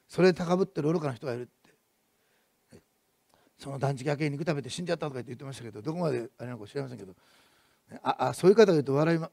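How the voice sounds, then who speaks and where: Male pastor, quick-paced sermon delivery, swings between emphatic repetition and soft asides. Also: on the high side, vocal fry, no echo. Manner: builds to loud emphatic repetition, then drops to soft asides.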